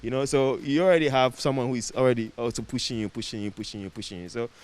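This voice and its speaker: A man's voice: medium pitch, fairly even intonation, fast talker. A man with a Ghanaian accent talking casually as an interview guest, repeating phrases for emphasis. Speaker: interview guest, production set designer. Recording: clear background noise with hiss.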